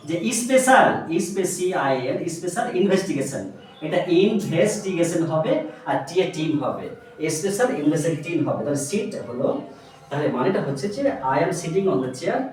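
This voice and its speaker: A tuition teacher giving a classroom grammar lesson, patiently spelling words letter by letter and quizzing the pupils. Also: mid-range voice. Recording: echoey room, mic far off.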